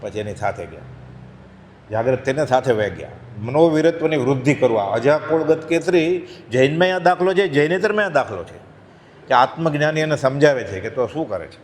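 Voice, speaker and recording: A man's voice: mid-range voice, expressive, fairly quick, slight background noise. A man giving a spiritual discourse, telling a parable and acting out its characters' voices. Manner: acts out voices of the lions in the parable. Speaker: spiritual speaker. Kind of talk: devotional discourse with storytelling. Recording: long hall reverb.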